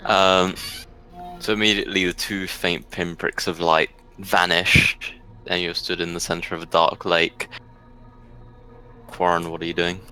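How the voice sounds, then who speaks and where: A man narrating a tabletop role-playing game as game master, describing scenes in a halting, measured way. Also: low-pitched, flat delivery, sharp tone, soft background music, rough recording.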